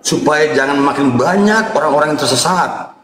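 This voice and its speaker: Man, echo reverb effect, self-styled preacher, preachy, lively pitch, faint background hum. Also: normal speed. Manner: preachy, keeps calling listeners brother. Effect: echo reverb on his voice. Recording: heavy echo, faint ambience.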